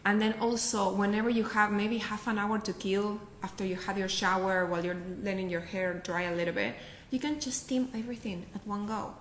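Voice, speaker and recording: A woman's voice: medium pitch, steady tone, a little fast, echoey room, a little hiss or hum. Spanish-accented woman giving packing tips. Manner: upbeat, instructive, tag questions like "right?". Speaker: professional packer, guest. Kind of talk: casual advice chat.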